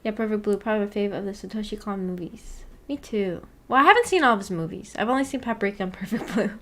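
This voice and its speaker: A woman streamer reads and answers her viewers' chat in a casual livestream, giggly, playfully teasing, and full of slang. Her mid-range voice is expressive, quick, and a bit bright. A little hiss or hum is audible.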